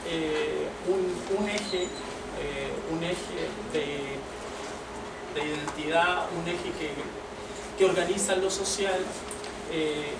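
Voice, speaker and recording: A man with a Chilean accent presenting his doctoral research at an academic conference, hesitant, full of fillers and restarts. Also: fairly high pitch. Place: conference room. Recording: echoey hall, mic at a distance, loud room noise.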